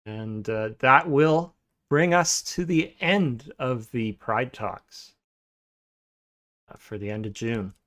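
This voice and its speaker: A man hosting a podcast in a relaxed, casual chat, pausing often with filler sounds and restarting sentences. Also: medium pitch. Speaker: podcast host.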